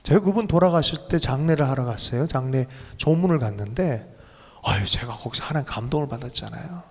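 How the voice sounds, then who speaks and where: A man preaching as pastor of a church, emotional and leaping to sudden high bursts. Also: expressive, a little fast, breathy edge. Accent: Korean. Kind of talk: sermon. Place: church sanctuary. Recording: long reverb of a church hall.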